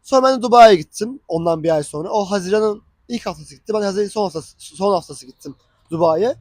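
A young man with a high voice tells his own story, casually chatting and acting out the dialogue. The recording is close and dry, with no room echo. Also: fast. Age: young adult. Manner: animated, acts out dialogue. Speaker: vlogger.

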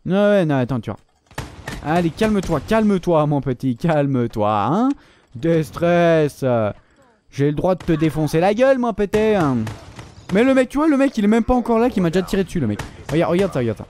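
A man commentating his own shooter gameplay, excitable and swearing often, shouting at opponents. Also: fairly high pitch, brisk, slight background noise. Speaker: gaming YouTuber.

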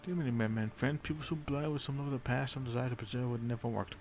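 A man's voice: mid-range voice, fairly even intonation, fast, darkish tone, a little hiss or hum. A man narrating a strategy game in character with brooding, dramatic storytelling, rambling along and swearing casually. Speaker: game streamer.

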